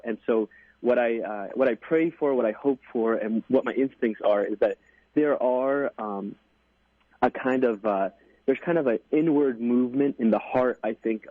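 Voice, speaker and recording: A man's voice: fairly low pitch, no room sound. A young American man in his twenties, a deacon being interviewed, speaking earnestly with many fillers and restarts. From United States. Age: 20s. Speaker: deacon, guest. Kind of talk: interview on radio. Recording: dry tinny phone line.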